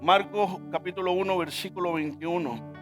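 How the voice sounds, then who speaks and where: A man's voice: high voice, moderate pace, music in the background. A male pastor preaching a sermon in church, emphatic, often asking the congregation to repeat words after him.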